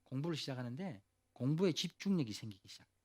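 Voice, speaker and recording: A male pastor giving a youth sermon, telling a story in an animated, casual way and asking the listeners questions directly. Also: mid-range voice, quick pace. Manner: asks the audience questions directly.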